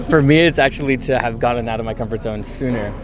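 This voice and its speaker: A man in his thirties from San Francisco, answering street interview questions in a thoughtful, measured way with frequent pauses. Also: medium pitch, a crowd in the background. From San Francisco, USA. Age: 30s. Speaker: interviewee, traveller.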